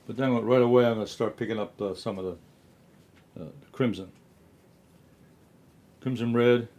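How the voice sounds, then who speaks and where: A man giving a casual watercolor painting tutorial in his studio, speaking haltingly and often repeating himself. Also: medium pitch, a little mellow.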